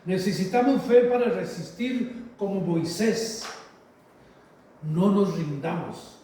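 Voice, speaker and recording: High-voiced man preaching slow, mellow tone, huge cathedral echo from far off. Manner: slow, emphatic, repeats phrases and addresses listeners as brothers. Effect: heavy cathedral-like echo. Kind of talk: sermon. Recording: very echoey hall, voice from far off, faint noise.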